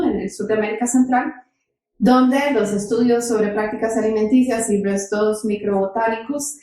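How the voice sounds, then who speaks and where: Mellow woman researcher in echoey room. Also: mid-range voice. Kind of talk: explanatory academic discussion. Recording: very echoey, distant microphone.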